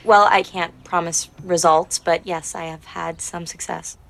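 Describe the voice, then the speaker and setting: An actress playing a nervous, accommodating psychic who speaks as a hesitant, coaxing seance medium. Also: female voice, on the low side, flat delivery, a little slow, vocal fry, a bit bright.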